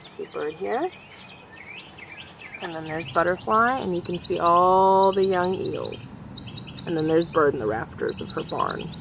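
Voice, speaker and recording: A woman reads a picture book aloud for children on behalf of a nature organization, addressing her young listeners directly and explaining things as she goes. Her slightly low voice is creaky and a bit bright, with some ambient noise behind her.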